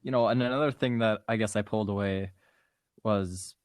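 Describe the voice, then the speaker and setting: Young man, twenties, podcast host, soft-spoken, thoughtful, lowish voice, dry sound. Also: fairly even intonation, a little fast, no room sound. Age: 20s. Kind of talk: casual conversation.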